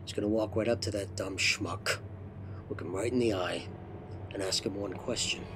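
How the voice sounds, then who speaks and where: A man playing a childish mafia boss in a comedy sketch, speaking solemnly and deliberately like a fatherly godfather. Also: fairly low pitch, steady tone, noisy background, natural voice. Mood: deliberate, scheming. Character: childish Italian-American mob boss, grave and fatherly. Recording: music playing under the voice.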